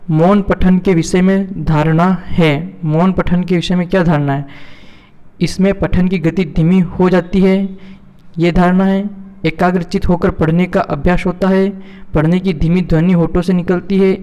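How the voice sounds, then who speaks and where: Working through multiple-choice exam questions, a man teaching an exam-prep class repeats each one and supplies the answer with an explanation. His voice is high-pitched yet dark in tone. The recording is muffled and carries hall reverb.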